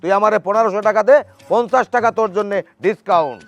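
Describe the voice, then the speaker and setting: A man's voice: high-pitched, fast talker, creaky, no room sound, muffled recording. A man with a Barishal Bengali accent playing a bossy fake healer who chants, in a comedy sketch. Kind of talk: comic sketch acting.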